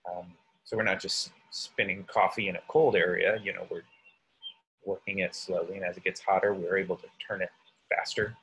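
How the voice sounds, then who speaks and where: A man with a fairly low voice talks through a coffee roast as he works, reading off weights and temperatures. He thinks aloud in a casual, hands-on way. A faint hum sits behind him. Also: steady tone, normal speed, a bit bright, rough recording. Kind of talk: casual live demonstration.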